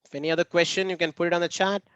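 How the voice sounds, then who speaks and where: A man with a high voice and a Tamil Indian accent hosts an online workshop in a chatty, informal way. His speech is full of repeated thanks to participants, and the sound is dry and close, with little room echo. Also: little pitch movement, rapid-fire, fairly bright tone, smooth, lo-fi sound. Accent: Tamil Indian English. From Namakkal, Tamil Nadu, India. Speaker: workshop trainer and host. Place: online video meeting.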